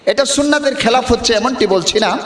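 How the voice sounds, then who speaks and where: High-voiced preacher in an echoing hall. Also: male voice, a little fast. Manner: asks the listeners many rhetorical questions; forceful and emphatic, sometimes raises his voice. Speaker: Islamic preacher. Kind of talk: religious sermon. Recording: echoey, with long reverb.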